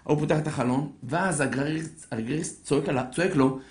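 A man telling a story to an audience in an animated way, building suspense and acting out the characters, in an echoey room. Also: a little high. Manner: lively, acts out voices, builds suspense.

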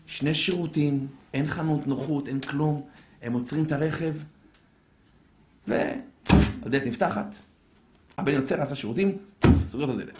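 A man telling a story to an audience in an animated way, building suspense and acting out the characters, in an echoey room. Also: fairly high pitch, long pauses, background noise. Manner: lively, acts out voices, builds suspense.

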